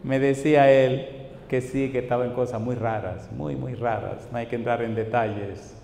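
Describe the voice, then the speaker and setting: A man's voice: fairly even intonation, normal speed, vocal fry, warm tone. A male pastor preaching a sermon, telling a story and calling out questions to the congregation. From Argentina. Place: large church hall. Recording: echoey hall with faint rumble.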